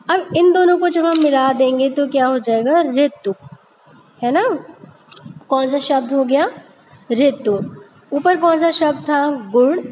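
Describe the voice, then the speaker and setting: Slow, high-voiced woman teacher. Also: dark tone, lo-fi sound, slight background noise. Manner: slow, patient, asks the children questions and answers them. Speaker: primary school teacher. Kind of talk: narrated lesson over slides for young children.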